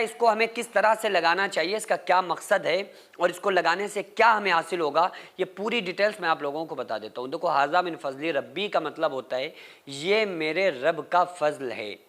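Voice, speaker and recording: A man with a noticeably high voice gives a sermon built on stories, carrying the listener along as he tells them. He voices the speakers in his tales himself and keeps to a steady preaching cadence. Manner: storytelling, acts out dialogue in quotes. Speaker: Islamic preacher. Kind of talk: storytelling sermon.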